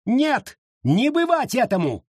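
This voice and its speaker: A man voicing an outspoken, defiant young colonial wife in an audiobook, with a sharp, indignant delivery. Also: very high voice, huge pitch swings, takes it slowly, no echo, studio quality, pitched above the performer's own voice, full character voice. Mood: shouting. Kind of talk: audiobook reading.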